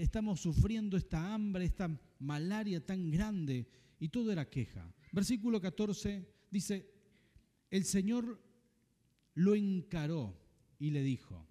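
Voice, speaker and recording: A man with a Rioplatense accent preaches in an animated way, acting out the voices he quotes. His voice sits fairly high and sounds mellow. It rings with the long reverb of a big hall. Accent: Rioplatense Spanish. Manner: animated, acts out quoted voices, asks the congregation questions. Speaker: pastor. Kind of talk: sermon.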